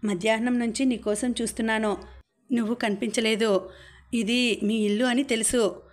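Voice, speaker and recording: A woman's voice: a little high, fairly even intonation, moderate pace, natural voice. A woman voicing a teasing young man. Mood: earnest. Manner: teasing, easygoing. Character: friendly young man, childhood friend.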